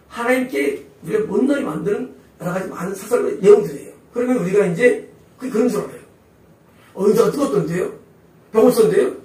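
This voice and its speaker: A man's voice: high voice, darkish tone. A male pastor preaching a sermon emphatically, constantly asking the congregation rhetorical questions. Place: church sanctuary. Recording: echoey hall, voice from far off.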